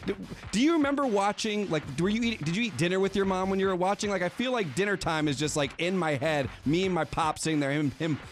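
A man's voice: high-pitched, quick pace, a little hiss or hum. A man co-hosting a casual sports chat, talking in a loose, rambling way. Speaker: sports show co-host.

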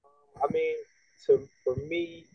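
Speaking slowly with vocal fry, this young singer-songwriter from the Bahamas has a very high-pitched voice. He's an interview guest chatting casually, relaxed and full of slang, and he livens up when driving a point home. The audio is dry and tinny, as if over a phone.

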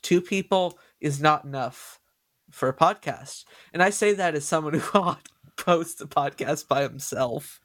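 A man hosting a podcast, chatting casually with a nasal voice and excitable, stumbling delivery. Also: a little high, measured pace, no room sound, studio quality. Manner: excitable, stumbling over words. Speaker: podcast host.

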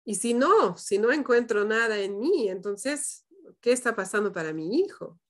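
A woman leading a parenting practice group, speaking calmly and thoughtfully with frequent questioning tags. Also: a little high, moderate pace. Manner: calm, thoughtful, many "¿no?" tags. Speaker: group facilitator. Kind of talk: reflective group discussion.

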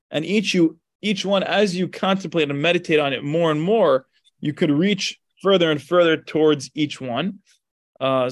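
Man teaching a mystical text aloud. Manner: explains a text line by line, rising in pitch when stressing points. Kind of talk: text study lesson.

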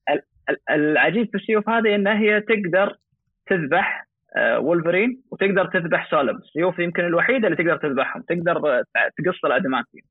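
A man who is a guest on a casual podcast chat, giving eager, quick explanations. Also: high-pitched, breathy edge, no room sound. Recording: tinny phone-like call line.

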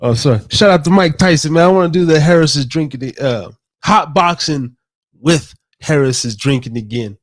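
A young man hosting a casual late-night podcast, rambling and excitable, swearing freely and calling his guest bro. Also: a little high, normal speed. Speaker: podcast host.

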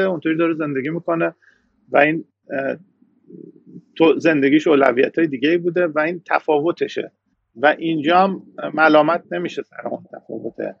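A man's voice: fairly high pitch, creaky, husky, dry recording, highs cut off. A man from Iran, a guest in a casual interview, talking reflectively with frequent hesitations.

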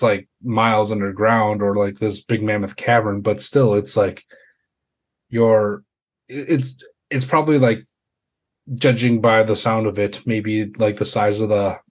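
A man improvising horror narration as a tabletop game master, halting as he searches for words. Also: on the low side, fairly even intonation.

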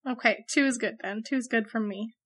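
A woman's voice: fairly high pitch, fairly quick, a bit bright. A woman with a Midwestern American accent co-hosting a podcast, chatting casually with dry quips. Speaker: podcast co-host. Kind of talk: casual chat.

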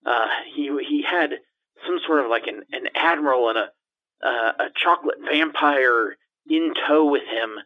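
Comedy podcast: male performer as a jittery landlord, stammering and rambling like an anonymous tipster, voice masked with a muffled lo-fi disguise, mid-pitched. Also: normal speed. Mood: nervous. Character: jittery gossiping male building landlord in hiding. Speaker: interviewee. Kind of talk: improvised comedy podcast parody. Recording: dull muffled disguise filter.

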